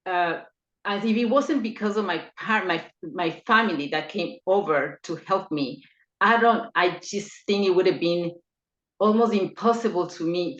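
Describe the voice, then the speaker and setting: A low-voiced, middle-aged woman from Ecuador is a guest on a podcast, giving a personal interview. She sounds hesitant, with many fillers and restarts. The remote line is echoey, dull and lo-fi.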